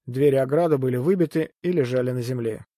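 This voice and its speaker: A man reading first-person adventure fiction aloud as an audiobook narrator, steady and measured. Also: mid-range voice, no echo, studio quality.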